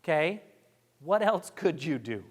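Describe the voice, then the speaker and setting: A man presenting a workshop, energetic and joking, quizzing his audience as he teaches. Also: fairly high pitch, unhurried, husky. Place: lecture room with audience. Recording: long hall reverb.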